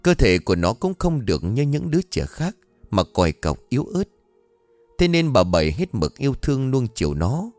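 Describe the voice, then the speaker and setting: A man narrating a ghost story in an expressive, dramatic storytelling manner. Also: mid-range voice, normal speed, dry recording, faint music behind.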